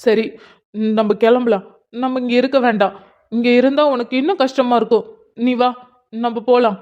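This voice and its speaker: நேரடியாகக் கண்டித்தும் ஆறுதல் சொல்லியும் பேசும் விசுவாசமான இளைஞன் நண்பனாக நடிக்கும் ஒருவர்; கார்ட்டூன் நாடகக் குரல். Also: male voice, extremely high pitch, fairly even intonation, normal speed. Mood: consoling. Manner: scolding then soothing, direct. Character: blunt loyal young male friend. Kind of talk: cartoon drama voice acting. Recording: dull lo-fi sound.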